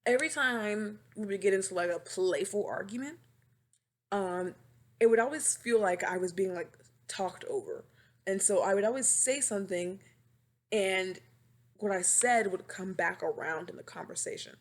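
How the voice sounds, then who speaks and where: A woman in her twenties hosts her own casual podcast from home on a webcam microphone, speaking at normal speed in a mid-range voice. She's animated and dramatic, rambling on and poking fun at herself.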